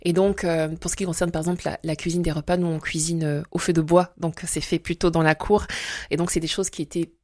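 Low-voiced woman giving hesitant testimony. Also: flat delivery, darkish tone, dry recording, clean studio sound. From Congo-Brazzaville. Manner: hesitant, many pauses and fillers. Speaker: interview guest. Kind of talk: personal faith testimony.

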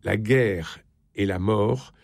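A male interviewer hosting a conversation with an author, sometimes reading passages aloud in a measured way. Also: on the low side, gravelly, no echo, clean studio sound. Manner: reads passages with measured delivery. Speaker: interviewer, host.

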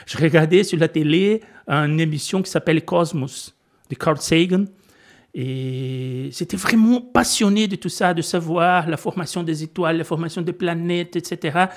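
A middle-aged Brazilian physics lecturer, a guest on a radio interview, speaks French with a Portuguese accent, hesitating with many fillers and restarts. His voice is high-pitched and a little mellow.

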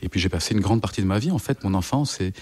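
Low-voiced middle-aged man, reflective. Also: lively intonation, fast talker, darkish tone, husky. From France. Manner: reflective, searching for words. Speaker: interview guest, psychologist. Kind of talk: personal interview testimony.

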